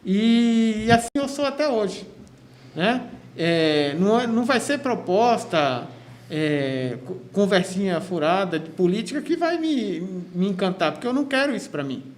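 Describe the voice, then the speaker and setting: This man, a physical education teacher from Cubatão in São Paulo state, Brazil, shares his story on a radio interview. His voice sits high and is very animated at a normal speed, and his chatty delivery has lots of restarts. Faint noise and echo fill the room.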